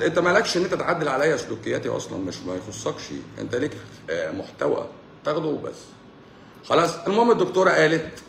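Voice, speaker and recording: Egyptian male doctor, livestream host, rapid blunt lecturer, echoey room. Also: mid-range voice, vocal fry, a bit bright, a little hiss or hum. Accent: Egyptian Arabic. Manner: lecturing, blunt, with frequent rhetorical checks. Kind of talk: livestream talk to viewers.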